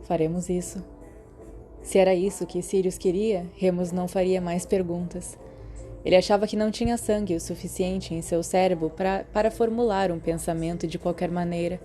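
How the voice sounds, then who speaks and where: Soft music plays in the background as a Brazilian-accented woman narrates a story for an audiobook. Her scripted reading is expressive, her pitch fairly low, and her pace fairly brisk.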